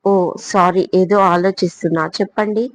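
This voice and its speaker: A woman's voice: medium pitch, steady tone, moderate pace, natural voice, poor audio. A woman voicing a distracted, agreeable young husband in a spoken audio story.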